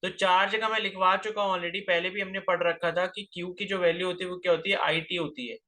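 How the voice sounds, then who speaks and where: Man, physics teacher, high voice, bright tone, rhetorical questions, classroom lecture. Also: little pitch movement, fairly quick. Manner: scolding students with rhetorical questions.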